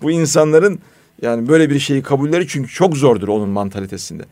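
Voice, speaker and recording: A man of middle pitch in a casual discussion. He tells stories earnestly and animatedly. The sound is close and dry. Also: expressive, fast talker, a little mellow, no room sound.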